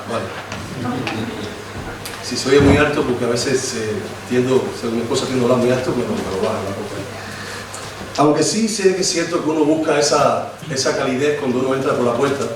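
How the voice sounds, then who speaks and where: There's a slight hiss or hum as a distant microphone records a medium-pitched man in an echoey church hall. He's a lay preacher from Cuba in his forties, preaching and praying informally and hesitantly with many restarts, his accent Cuban Spanish.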